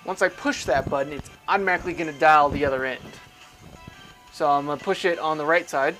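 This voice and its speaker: The recording is low in quality, capturing a man whose fairly bright voice is pitched a little above average as he teaches a relaxed, step-by-step tech tutorial. He explains aloud while demonstrating, informally quizzing and answering himself, over background music.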